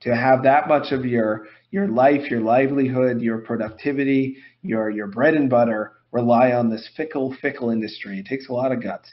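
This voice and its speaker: A man hosts an interview podcast and talks in long, rambling stretches. He throws in folksy exclamations and pokes fun at himself, at a middle pitch. The sound is slightly dull. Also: steady tone, moderate pace, few pauses. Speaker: podcast host. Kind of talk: casual interview chat.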